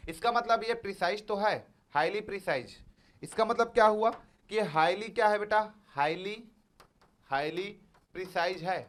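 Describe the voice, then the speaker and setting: Lecturing for exam preparation, this male teacher has a high voice and fairly bright tone. His style is repetitive and encouraging, with regular checks for understanding and the address "beta" for his students.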